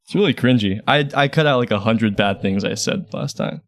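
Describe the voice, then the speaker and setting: A man's voice: mid-range voice, brisk, a bit bright. A young man co-hosting a casual podcast, teasing his friend with wry, self-mocking humor. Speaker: podcast co-host and editor. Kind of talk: casual chat.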